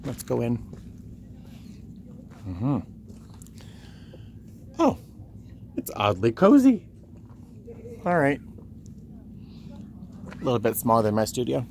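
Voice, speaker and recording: A creaky, darkish mid-range voice swings hugely in pitch, moving slowly with long pauses. The man is a Rhode Island vlogger casually addressing viewers as he explores the outdoors and small huts of a tourist site, thinking aloud wryly. Outdoor ambience is audible on the handheld camera recording.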